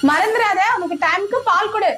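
A bossy mother, played by a woman, high-pitched and quick to scold her maid. She gives orders in a comedy skit with faint music under her. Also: fairly bright tone. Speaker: employer and mother.

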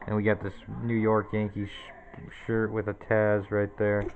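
A man's voice: fairly low pitch, monotone, measured pace, narrow, tinny audio, a little hiss or hum. A man in his twenties giving a casual, rambling tour of his small cluttered bedroom, naming objects one after another into a handheld camera. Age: 20s. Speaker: vlogger. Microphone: handheld camera close to the face.

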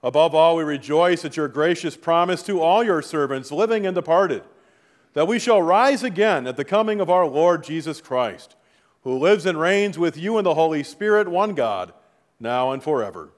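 A middle-aged man speaking as a pastor at a funeral, reading liturgy and prayers in a solemn, measured, formal way. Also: fairly high pitch, expressive. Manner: solemn, measured, formal delivery with falling phrase endings. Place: large church sanctuary, indoors before a congregation. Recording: reverberant church hall.

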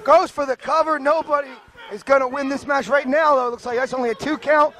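A man's voice: very high-pitched, steady tone, brisk, a bit bright. A man calling a wrestling match play-by-play, joking and bantering with his co-commentator.

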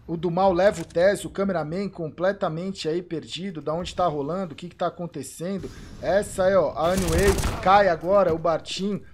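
A Brazilian man giving excited live commentary on a competitive shooter match, swearing and shouting at big plays. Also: sits high, normal speed, hardly any pauses, slight background noise. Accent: Brazilian Portuguese. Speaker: esports streamer commentator. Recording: live stream with game gunfire behind.

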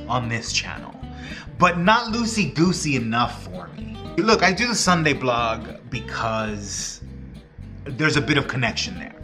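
A man talks through a loose, rambling vlog, often stopping himself and laughing at his own slips. His voice sits at an ordinary middle pitch. Guitar music plays clearly behind him. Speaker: vlogger.

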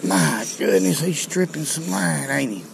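On a rocky riverbank below a dam, a middle-aged fishing video host chats casually and excitedly with viewers in a folksy style. His medium-pitched voice is gravelly and a little slow, captured by a chest-mounted action camera along with background noise.

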